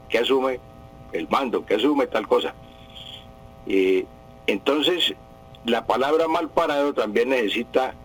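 Husky man explaining language. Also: medium pitch, rough recording. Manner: explanatory, anecdotal, hesitant fillers. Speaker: language expert guest on radio. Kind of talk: radio call-in explanation.

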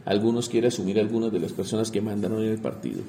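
A man, a congressman answering interview questions in a halting way, often repeating words as he searches for them. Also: fairly low pitch, expressive, mellow, a little hiss or hum.

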